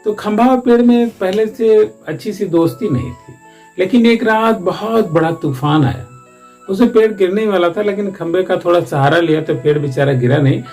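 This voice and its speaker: A man's voice: high-pitched, moderate pace, darkish tone, soft background music. A man, a teacher, explaining the story of a one-act play from a Hindi textbook in a loose, rambling way with frequent restarts.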